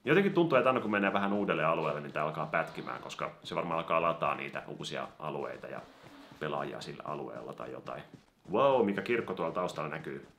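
A man doing casual gameplay commentary on a mobile game, excitable and given to sudden yelps when startled. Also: a bass voice, vocal fry, a little hiss or hum. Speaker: gaming YouTuber.

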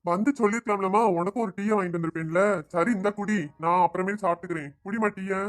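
A woman's voice: medium pitch, fairly even intonation, quick pace, pitched below the performer's own voice, natural voice. A woman voicing a kindly, coaxing older village man in a family cartoon. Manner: fatherly, coaxing. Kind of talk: cartoon voice acting.

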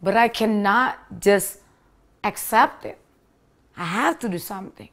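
This Indonesian woman in her thirties has a mid-range, somewhat bright voice and keeps a measured pace. She earnestly tells her personal story to camera in an Indonesian accent, with small grammar slips along the way. She is seated in a living room with a leather sofa and recorded on a lapel mic.

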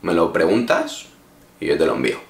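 A man from Spain talks straight to his viewers in a loose, chatty vlog, handing out informal advice. His voice sits low. The room around him is echoey. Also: big pitch swings, brisk. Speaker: English teacher vlogger. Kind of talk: casual advice talk to camera.

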